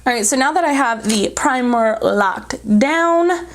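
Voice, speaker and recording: A beauty vlogger chats to camera while applying and reviewing makeup, casual and blunt with jokey asides. Her voice is high, animated and unhurried, but she sounds short of breath and congested from allergies, almost hyperventilating.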